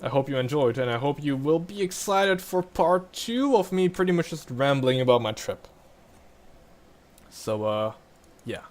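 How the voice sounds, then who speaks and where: A man's voice: a little high, very animated, a little slow. A young man casually rambling over gameplay, full of likes and restarts. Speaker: gaming vlogger.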